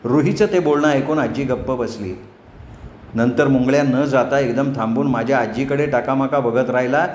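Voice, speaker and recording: A man reading a novel aloud as a storyteller, in a measured, dramatic manner. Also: medium pitch, fairly even intonation, a little mellow, dull audio. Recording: echoey room, faint noise.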